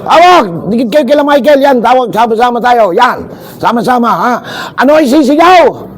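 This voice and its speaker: High-voiced energetic male seminar speaker. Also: a little fast. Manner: energetic, joking, calls out to listeners, leads shouted chants. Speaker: seminar speaker for overseas workers. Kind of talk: lively seminar talk leading group chants.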